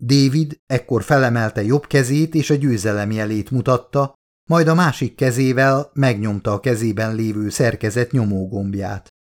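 A man reading his own audiobook aloud as narrator, in an even, measured storytelling voice. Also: mid-range voice. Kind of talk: scripted narration.

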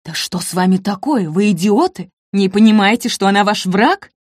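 A woman's voice: mid-range voice, moderate pace, a little mellow, dry recording, lightly acted. A woman voicing a harsh, menacing male German officer in a dry, close recording. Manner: threatening, contemptuous.

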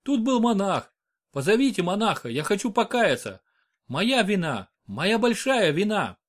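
A man voicing a frightened young noblewoman in labour, pleading in high, sobbing tones. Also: very animated, unhurried, full character voice. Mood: tearful pleading.

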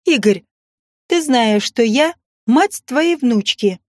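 A man's voice: very high voice, lively intonation, slow pace, dry recording, studio quality, pitched above the performer's own voice, full character voice. A man reading an audiobook voices a brazen, scheming young mother with a sly, mocking, venomous manner.

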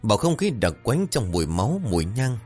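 A man narrating a horror story in a dramatic, expressive way. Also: on the low side, fairly quick, faint music behind.

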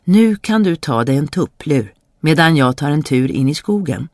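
A narrator voicing a quick-witted young schoolboy in a storybook reading, answering with cheeky retorts. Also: medium pitch, animated, darkish tone, dry recording, studio quality, natural voice. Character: clever young schoolboy woodcutter's son.

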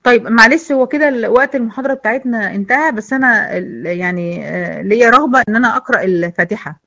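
A woman with an Egyptian accent teaching an online tajweed lesson, patiently repeating words and modelling slow recitation. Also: mid-range voice, a bit bright, highs cut off. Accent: Egyptian Arabic.

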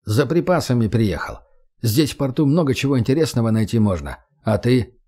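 Guy doing a grumpy knife guy, short low answers, dark voice. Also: animated, brisk, close to an everyday voice. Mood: dismissive. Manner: gruff, low, clipped. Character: gruff wary adult male knife-thrower, curt.

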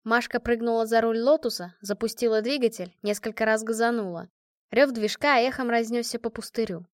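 Lively woman reading a story aloud. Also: on the high side, brisk, no echo, clean studio sound. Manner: lively, shifts voice for each character. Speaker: audiobook reader. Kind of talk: scripted narration with character voices.

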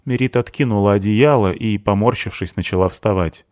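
A man reading fiction aloud in steady, even audiobook narration. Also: lowish voice, fairly quick, dry recording, clean studio sound. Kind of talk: scripted narration.

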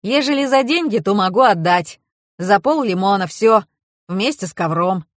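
A woman's voice: mid-range voice, animated, moderate pace, no room sound, clean studio sound, lightly acted. A woman voicing a big, crude, blunt husband in an audiobook, with folksy slangy talk.

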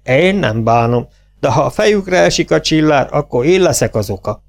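A man voicing an unflappable male stage technician who speaks calmly and solemnly from high above. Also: gravelly, faint music behind. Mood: lofty. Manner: calm, solemn, lofty.

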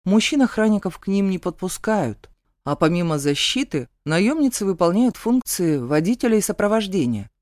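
A woman reading an audiobook, voicing a stern, protective young male warrior with a low, gruff growl and curt, firm refusals. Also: animated, normal speed, darkish tone, no echo, studio quality, natural voice. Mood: reluctant. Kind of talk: audiobook character voice.

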